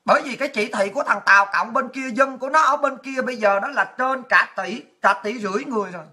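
A woman's voice: fairly high pitch, fast, bright, forceful tone. A woman delivering a blunt, crude, fiery political rant to her viewers, swearing freely. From Vietnam. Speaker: political commentator.

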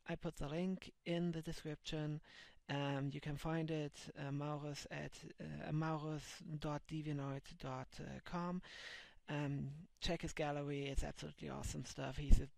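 His pitch is a little high and barely moves, his pace moderate, his voice creaky and slightly mellow, with no room sound. He's a native German speaker in his thirties, a vlogger and comic translator with a German accent. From a small, dim room he rambles casually on his video blog via headset mic, with many fillers and restarts.

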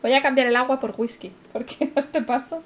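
Young woman streaming a game, chatty and sweary, voice on the high side. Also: fairly quick, heavy background noise. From Spain. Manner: chatty, swearing, laughing often, chanting repeated words. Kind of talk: casual gameplay commentary.

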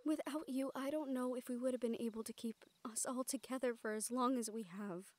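In an intimate audio roleplay, a woman plays a caring, encouraging, siren-like mentor, tender, earnest and reassuring. Her voice is on the high side and a little mellow, her pace brisk, her acting light.

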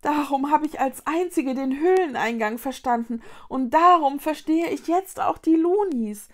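A woman's voice: fairly high pitch, normal speed, close to an everyday voice. A woman reading a children's storybook aloud, voicing an impulsive young witch girl with emphatic, agitated questions. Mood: insistent.

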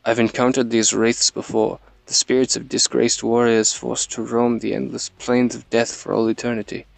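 A man's voice: mid-range voice, steady tone, moderate pace, vocal fry, smooth, dry recording, lightly acted. A man reading the lines of a regal male king in a game, plainly and in his own voice, without an accent. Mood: solemn. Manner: reads plainly, no accent attempted.

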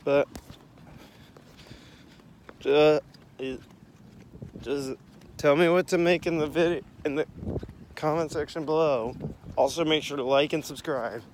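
Speaking slowly in a fairly high, evenly inflected voice, a young amateur vlogger films himself on a walk down a street and pier trail. His handheld phone, held at arm's length, picks up traffic noise as he repeats himself in a relaxed, rambling narration of what he sees.

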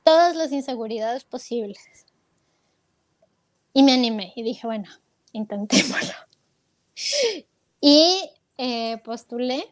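Her voice is high-pitched and unhurried, broken by long pauses, with no echo in the recording. She's an interview guest recounting her story frankly, filler-heavy, repeating what she thought to herself at the time.

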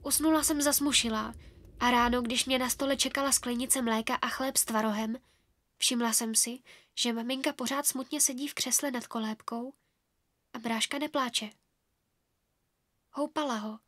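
A woman narrating a children's fairy-tale audiobook in the first person, with a soft, expressive storytelling manner. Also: a little high, pauses often, no room sound, clean studio sound.

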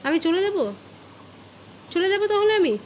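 A mother at home, coaxing and pleading with her sulking child in a gentle, pleading way. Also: moderate pace, slight background noise. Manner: pleading, coaxing in a high soft voice. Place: home bedroom.

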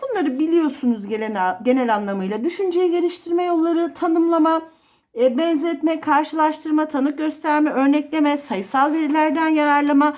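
A woman's voice: high voice, normal speed, a little mellow. A woman literature teacher giving an explanatory exam review lesson, listing terms with frequent fillers.

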